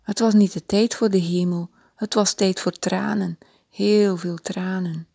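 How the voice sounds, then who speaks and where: A woman reading a children's Bible story aloud in a gentle, expressive way. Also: medium pitch, a little slow, gravelly, slightly rough, no room sound, studio quality.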